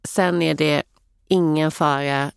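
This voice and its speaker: A woman with a low, creaky voice co-hosts a podcast and explains things earnestly. She pauses often on fillers. Her voice sounds dry and close. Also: fairly even intonation, no echo. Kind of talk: casual podcast chat.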